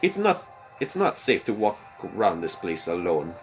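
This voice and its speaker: A young man hosting a let's play, reading a visual novel aloud with expressive commentary. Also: low-pitched, normal speed, soft background music.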